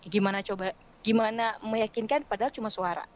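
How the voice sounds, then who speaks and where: A woman's voice: mid-range voice, brisk, muffled recording. Chatty Indonesian woman voice-over artist. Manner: chatty, explains with lively spoken examples. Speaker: radio voice-over artist and announcer, guest. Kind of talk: casual podcast chat.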